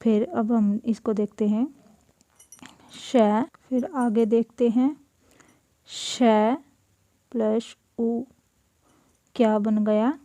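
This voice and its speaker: A woman teacher going through a school lesson, saying each word slowly and giving its meaning. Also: on the high side, level tone, dark tone, no room sound. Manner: slow, deliberate, repeats each word and gives its meaning. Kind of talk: classroom lesson explaining Sanskrit words in Hindi.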